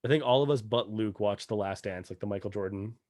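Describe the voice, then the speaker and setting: A Canadian man in his thirties, a bassist guest talking in rambling, laid-back casual chat and swearing freely. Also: fast talker, a little mellow, no echo, studio quality.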